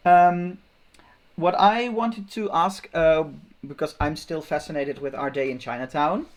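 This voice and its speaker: Woman, livestream host, relaxed, halting delivery, casual chat. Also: sits low. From Netherlands. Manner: relaxed, hesitant, halting restarts.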